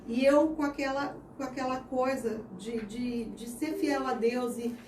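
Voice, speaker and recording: Slow-ish and high-pitched, with a darkish tone, a woman in her thirties gives an earnest, heartfelt testimony of faith in an interview, her accent Brazilian Portuguese. The audio is distant and echoey, with some faint noise.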